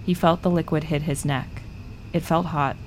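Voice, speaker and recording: A woman narrating a true story in a measured, scripted delivery. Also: deep voice, steady tone, background noise.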